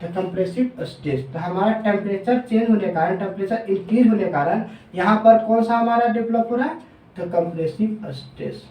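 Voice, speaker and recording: Guy lecturing, asks then answers himself, voice a bit far off the mic. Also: dark tone. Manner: asks questions and answers them himself, drops pitch on answers; slows down when dictating formulas. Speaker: civil engineering teacher. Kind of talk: classroom lecture. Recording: echoey room, voice off-mic.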